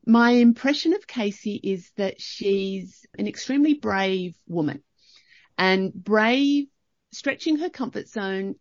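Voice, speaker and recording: A woman's voice: medium pitch, darkish tone, dry recording, muffled recording. A woman with an Australian accent hosting a casual podcast chat, effusive and enthusiastic. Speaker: podcast host.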